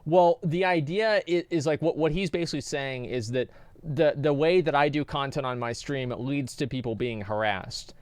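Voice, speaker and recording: A man's voice: fairly high pitch, steady tone, moderate pace, clear, resonant tone, no echo. A man streaming, chatting casually and reading donations, rambling and stumbling over repeated words.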